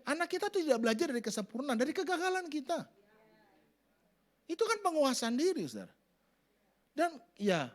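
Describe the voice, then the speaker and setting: Animated pastor with a high, lively voice. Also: male voice. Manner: animated, acts out family scenes with shouted voices. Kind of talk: sermon.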